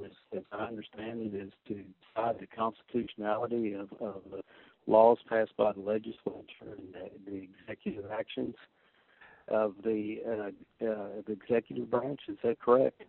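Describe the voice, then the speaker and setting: A man calling in with a question over a phone line, speaking in a hesitant, halting way. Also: lowish voice, vocal fry. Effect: heard over a phone line. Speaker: caller.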